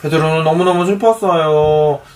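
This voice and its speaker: A man's voice: on the high side, steady tone, moderate pace, slight background noise. A father reading a picture book aloud to his young child, patiently asking her questions as he reads.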